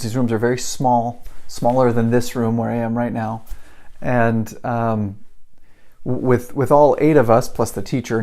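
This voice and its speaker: A man's voice: mid-range voice, mellow. A middle-aged man, an English teacher, telling a personal story in a chatty way with many restarts, acting out what he thought back then. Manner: chatty, many restarts and fillers, acts out his own past thoughts. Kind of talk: casual storytelling lesson.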